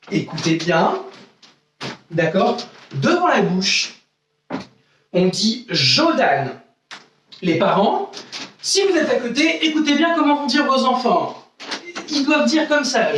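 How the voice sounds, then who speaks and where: Male karate instructor leading children through drills, high voice, heard from off-mic in a very echoey room with faint noise. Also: a bit bright, distant mic. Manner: counts out exercises, repeats "d'accord?". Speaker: karate teacher. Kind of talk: online kids' karate class.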